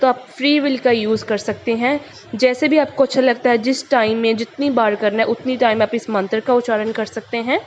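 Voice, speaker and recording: A young woman speaks in a relaxed, chatty way to the viewers of her channel. Her voice sits a little high and she drops casual English fillers into her talk. The recording is muffled and lo-fi, with a faint hiss underneath. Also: fairly quick. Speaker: tarot channel host.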